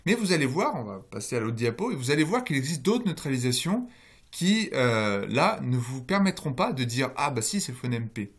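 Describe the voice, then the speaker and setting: A man's voice: mid-range voice, sing-song, moderate pace, slightly rough. A man lecturing on linguistics in a recorded course, explaining step by step with frequent hesitations. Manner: explanatory, many fillers, rising emphasis on key terms.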